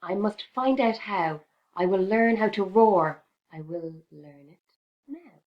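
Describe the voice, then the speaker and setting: A woman voicing a tiny, timid male mouse in a storybook reading, earnest and squeaky. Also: sing-song, moderate pace, muffled recording. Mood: determined. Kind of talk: storybook read-aloud.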